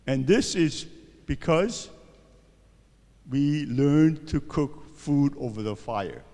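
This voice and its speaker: A man gives a university seminar lecture in a warm, mid-range voice, with a long reverb tail trailing his words. He asks rhetorical questions and keeps checking in with "okay?" and "right?".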